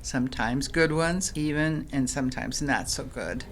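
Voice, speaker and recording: With music playing behind her, a woman plays a kindly, devout storyteller in an audio drama, earnestly teaching children and addressing listeners by name. Her bass voice keeps a measured pace in an instructive, storytelling mood.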